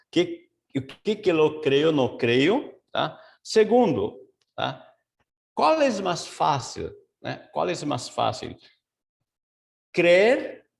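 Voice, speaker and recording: Speaking in a mix of Spanish and Portuguese, a man guides a video-call Bible study as its pastor, unhurried and searching, often wandering into asides and filler words. His pitch is medium, and vocal fry runs through his voice.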